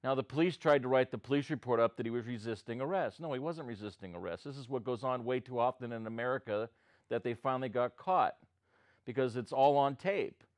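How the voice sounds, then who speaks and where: A man's voice: medium pitch, brisk, no echo. A man who is a studio guest, speaking earnestly and sounding upset. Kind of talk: studio talk.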